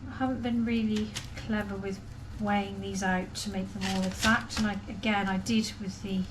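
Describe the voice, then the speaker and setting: A woman's voice: medium pitch, level tone, moderate pace. A woman chatting casually and unhurriedly as she talks viewers through a home baking vlog step by step. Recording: clear background noise, room ambience.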